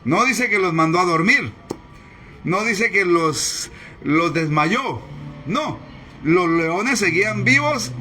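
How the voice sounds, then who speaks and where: Man, pastor, sermon, high voice, bright tone, emphatic repetitive preaching, soft music behind. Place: church service, streamed live.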